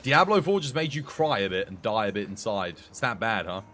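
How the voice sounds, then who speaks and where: A man's voice: fairly low pitch, big pitch swings, a little fast, sharp tone, faint music behind. Streamer man on a headset mic. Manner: chatty, rambling, swears mildly, talks to chat. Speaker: livestreamer. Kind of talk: casual gameplay commentary and chat.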